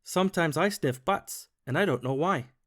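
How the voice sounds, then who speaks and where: A man voicing an eager, smart, good-natured male dog in a storybook reading, with loud exclamations. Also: a little high, moderate pace, natural voice. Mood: sheepish.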